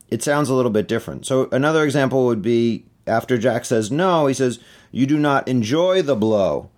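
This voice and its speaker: A middle-aged man, an author, answering interview questions in a relaxed, chatty way with many fillers. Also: medium pitch. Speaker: author on book tour.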